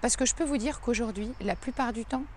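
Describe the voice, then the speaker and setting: An emphatic woman coach delivering a short daily motivational talk. Her voice sits a little high, and she adds playful asides as she urges her viewers on. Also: fairly quick, a little mellow, slight background noise. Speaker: coach and speaker.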